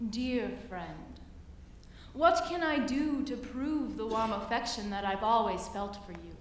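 Girl putting on a low, coaxing spider. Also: animated, slight background noise. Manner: low, soft, coaxing and drawn-out. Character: sly flattering male spider, smooth and scheming. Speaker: student reciting a poem. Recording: echoey hall from far off.

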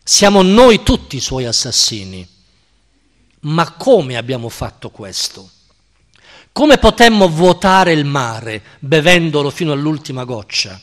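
A male lecturer reading aloud the lines of a frantic man who cries out that God is dead, declaiming them in loud, impassioned questions. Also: on the high side, sing-song, unhurried. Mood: anguished. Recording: reverberant lecture hall.

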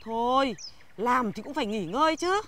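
A woman's voice: on the high side, lively intonation, normal speed, a bit bright. A doting peasant mother. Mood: caring. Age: middle-aged. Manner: doting, fussing. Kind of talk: folk comedy TV acting. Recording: music playing under the dialogue.

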